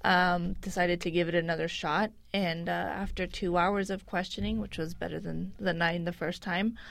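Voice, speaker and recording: A woman, a podcast guest, telling a personal story in an earnest, pausing way with fillers. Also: fairly low pitch, fairly even intonation, vocal fry, fairly bright tone, no echo.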